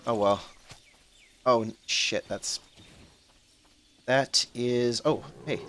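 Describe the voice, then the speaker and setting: Very slow and medium-pitched, a young man of twenty-one provides casual let's-play commentary for his gaming channel, chatting, rambling and cursing here and there at the game. Faint background noise is audible, and soft passages of his voice drop out.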